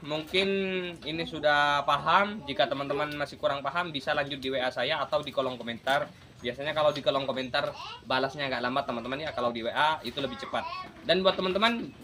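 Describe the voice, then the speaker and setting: A man's voice: medium pitch, background noise. A man who farms goats, talking casually to his fellow farmers in an advice vlog. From Indonesia. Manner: casual, repeatedly addresses "teman-teman". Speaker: goat farmer and channel host.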